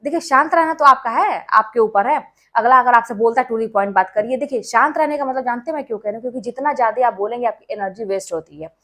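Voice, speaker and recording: A woman's voice: fairly high pitch, fast, a bit bright. A woman, a schoolteacher, gives study advice to exam aspirants in a casual, earnest and emphatic way, speaking straight to her listeners.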